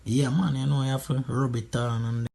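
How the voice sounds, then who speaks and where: A Jamaican man gives a casual, humorous commentary in a husky voice with plenty of creak. He speaks in Patois slang and repeats short phrases to drive them home. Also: mid-range voice, level tone, normal speed, dark tone. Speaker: friend doing a makeup voice-over.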